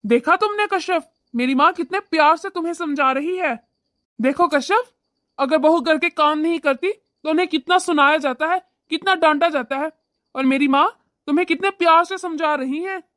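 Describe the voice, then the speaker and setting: Woman doing a bossy cartoon husband scolding his wife, high voice, dry sound. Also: normal speed, fairly bright tone, no echo. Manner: scolding, lecturing. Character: young husband, bossy toward wife, devoted to mother. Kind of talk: animated moral story voice acting.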